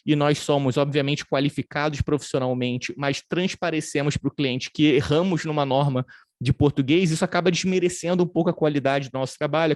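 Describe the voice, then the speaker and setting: A man's voice: on the high side, a little mellow, dry recording, studio quality. A man giving a remote training lecture on customer service. He explains step by step and often adds tag questions.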